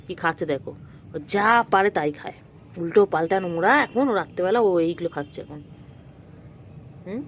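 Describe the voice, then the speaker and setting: A woman's voice: lowish voice, fairly quick, long pauses, a little hiss or hum. A woman, cooing at her pet cat in baby talk and scolding it playfully, repeating words again and again. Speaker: pet vlogger.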